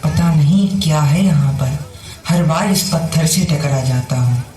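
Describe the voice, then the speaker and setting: An actor playing an irritable, short-tempered merchant in a school stage play, with a loud, exasperated delivery. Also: male voice, a little high, measured pace, lightly acted. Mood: frustrated. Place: school stage at an annual function. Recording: echoey hall.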